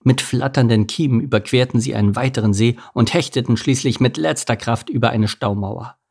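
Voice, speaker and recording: Creaky-voiced male storyteller. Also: mid-range voice, brisk, a little mellow. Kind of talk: children's story narration.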